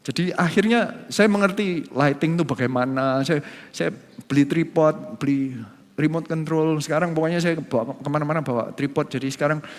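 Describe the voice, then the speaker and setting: A man's voice: on the high side, moderate pace. A middle-aged male pastor with an Indonesian accent preaching a sermon in a chatty way, often acting out quoted voices. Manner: conversational, acts out quoted voices, repeats words. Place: large church hall. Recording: live church hall with long reverb.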